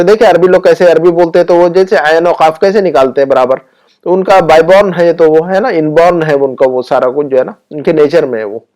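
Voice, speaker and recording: Male language teacher, fairly high voice, patient explainer, slow repeated drills. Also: a little mellow. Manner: slow, drawn-out repetition of example phrases; explanatory, with frequent fillers. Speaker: Arabic teacher. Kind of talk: spoken Arabic lesson.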